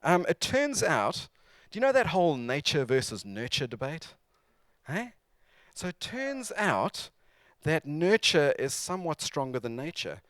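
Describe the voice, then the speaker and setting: A man's voice: a little high, very animated, measured pace, a bit bright, no echo. A man giving a chatty, jokey conference talk who keeps asking the audience to respond. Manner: chatty, asks audience for nods, jokey asides. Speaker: conference speaker. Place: conference venue.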